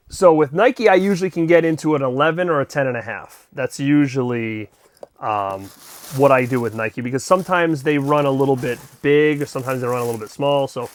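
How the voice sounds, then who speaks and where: A middle-aged man hosting a casual unboxing vlog, chatty and excitable, swearing now and then. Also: on the high side. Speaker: collector vlogger and host.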